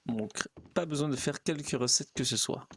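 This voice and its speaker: A man's voice: medium pitch, normal speed, gravelly, a little hiss or hum. A man role-playing a naive pastor in a game, chatting to himself and coaxing his horse. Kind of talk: in-character role-play narration.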